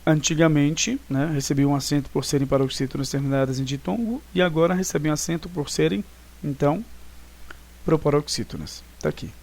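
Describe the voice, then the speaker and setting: A man's voice: a little high, steady tone, a little fast, vocal fry, a little mellow. A Brazilian man teaching Portuguese grammar to ninth graders in a recorded online class. He explains step by step and keeps checking in with "né" and "tá".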